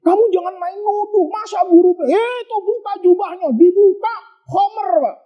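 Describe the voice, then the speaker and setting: A man voicing a panicky young male student who shouts accusations in a wailing voice, as a preacher acts out a story. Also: normal speed, dull audio. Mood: agitated. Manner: shrill, wailing outcry.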